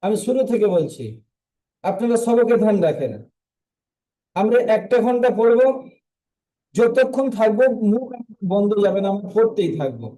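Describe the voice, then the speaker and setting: A man's voice: sits high, very animated, moderate pace, long pauses, mellow, low-quality recording. A man teaching a tajweed lesson online, patiently repeating letters and drilling the sounds again and again. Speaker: Quran recitation teacher.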